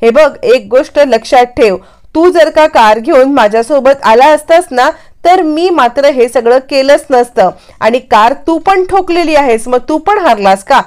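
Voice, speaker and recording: A woman's voice: high-pitched, expressive, measured pace, darkish tone. A woman voicing a fiery, stubborn young woman in a quarrel, speaking in a defiant, scolding way.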